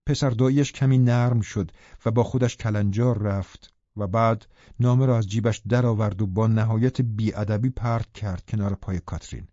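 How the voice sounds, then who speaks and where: A man reading a novel aloud as an audiobook narrator, telling the story in a calm, even way. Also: fairly low pitch, dry recording, dull audio. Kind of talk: scripted narration.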